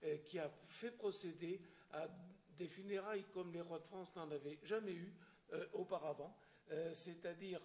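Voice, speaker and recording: A man giving a history lecture in French, hesitant and full of filler sounds and restarts, often clearing his throat. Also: fairly high pitch, normal speed, a little mellow. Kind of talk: public lecture with questions.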